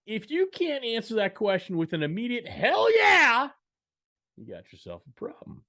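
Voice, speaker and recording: A man's voice: huge pitch swings, moderate pace, bright, forceful tone, full character voice. A man putting on a carnival barker voice to read an ad on a podcast. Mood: hyped. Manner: booming and showy. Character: loud male carnival barker pitching an ad. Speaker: podcast co-host.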